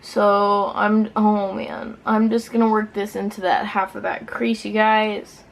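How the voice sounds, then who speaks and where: A woman's voice: mid-range voice, flat delivery, measured pace, gravelly. A drunk woman chatting casually through a makeup tutorial for viewers, giggly and rambling, playful and self-deprecating with some swearing. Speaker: beauty vlogger presenting a makeup tutorial.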